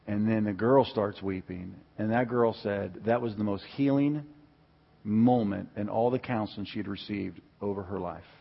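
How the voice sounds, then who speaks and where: A middle-aged man preaching a sermon as a pastor, moving from a calm telling voice up to loud, impassioned preaching. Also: on the low side, moderate pace, creaky, big-room sound, muffled recording. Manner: builds to impassioned, near-shouting preaching. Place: church sanctuary.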